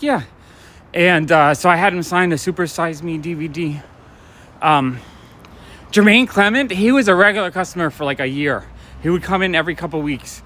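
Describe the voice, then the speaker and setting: A vlogger who owns a comic shop walks city streets at night, holding his phone and chatting casually with viewers and the live chat while telling stories. His voice is fairly high, bright and forceful. Light street noise and traffic can be heard.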